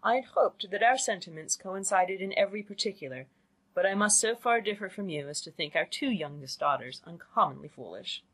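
Woman doing a dry, husky sardonic father. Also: medium pitch. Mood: dry, measured. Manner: cool, deliberate, deadpan. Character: dry, sardonic middle-aged father, coolly mocking.

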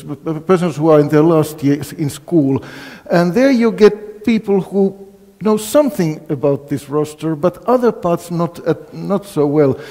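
Older male lecturer from Finland, mellow voice, quizzing the audience with many fillers, reverberant lecture hall. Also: on the high side. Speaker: physics lecturer. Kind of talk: university colloquium lecture.

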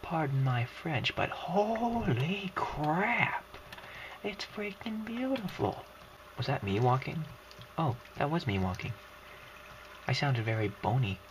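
A woman's voice: sits low, very animated, takes it slowly. A woman whispering through a let's-play commentary, her whisper scratchy, with frustrated outbursts and mild cursing. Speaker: gaming video creator.

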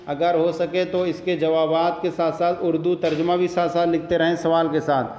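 A man's voice: on the high side, level tone, darkish tone, echoey room, a little hiss or hum. A man teaching an Arabic grammar lesson, repeating each phrase and translating it step by step. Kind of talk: classroom lesson explaining Arabic in Urdu.

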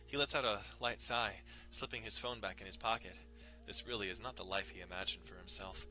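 With music underneath, a young adult man gives a dramatic reading of a visual novel, punctuated by casual, irreverent asides. His voice is on the low side, bright and forceful, and he moves briskly.

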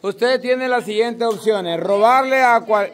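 A man's voice: extremely high pitch, slow. A man with a Central American Spanish accent casually hosting a group challenge game, teasing and urging contestants on. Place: open-sided outdoor shelter on a lawn. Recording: outdoor group chatter around the voice.

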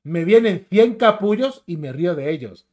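A man's voice: sits high, lively intonation, normal speed, a little mellow. Man ranting angrily in Spain Spanish. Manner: combative, mocking and insulting. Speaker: YouTube commentator. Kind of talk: ranting commentary video.

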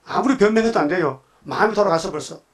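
A man preaching with a fairly high voice. He is emphatic and keeps firing rhetorical questions at his listeners. He slips into quoted voices as he tells the scripture stories. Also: lively intonation, fast. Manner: acts out quoted voices of God and the devil. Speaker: pastor. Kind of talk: sermon.

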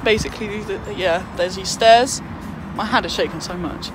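Out of breath in a town park, a young woman records a casual vlog on her handheld phone, chatting, swearing, and laughing often. Her mid-range voice moves at a moderate pace over music.

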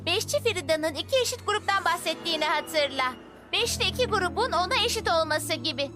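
A woman dubbing an eager, excitable young boy agent in a kids' show. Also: very high-pitched, brisk. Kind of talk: dubbed kids' show acting. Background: music.

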